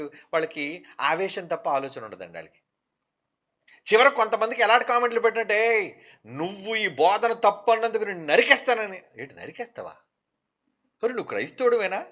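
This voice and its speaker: A man's voice: high-pitched, pushed and bright. A man preaching an impassioned sermon, firing rhetorical questions and scolding and pleading in turns.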